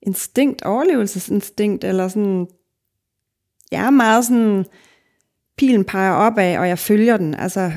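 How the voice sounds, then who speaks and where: A woman's voice: medium pitch, long pauses, darkish tone. Woman, middle-aged, from Denmark, author guest, reflective, long rambling sentences. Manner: reflective, talks in long winding sentences with many fillers. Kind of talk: casual podcast conversation.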